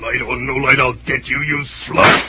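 Menacing slow-talking radio gangster. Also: male voice, mid-range voice, flat delivery, sharp tone. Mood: threatening. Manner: tough, snarling slang. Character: menacing slangy gangster gunman, surly and threatening. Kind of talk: old-time radio crime drama acting. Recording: dull, noisy vintage radio recording.

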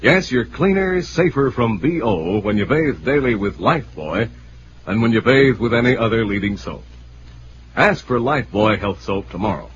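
A man's voice: medium pitch, lively intonation, normal speed, noisy background. Old-time radio announcer, American man, vintage sound. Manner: emphatic, formal salesman delivery. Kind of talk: old-time 1940s-50s radio announcing, scripted sponsor and closing narration. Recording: dull vintage radio recording, music behind. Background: music.

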